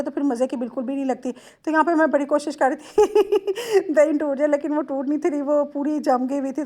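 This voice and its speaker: Woman with a Lahori accent, high voice, chatty homely cooking voice-over, talks straight to viewers. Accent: Lahori Punjabi-tinged Urdu. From Lahore, Pakistan. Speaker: home cooking vlogger.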